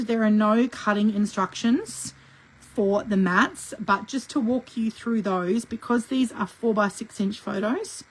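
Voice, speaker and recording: Leading a live scrapbooking tutorial in a chatty manner, this middle-aged instructor has a croaky, medium-pitched voice from a lingering cough and keeps clearing her throat. The audio quality is poor.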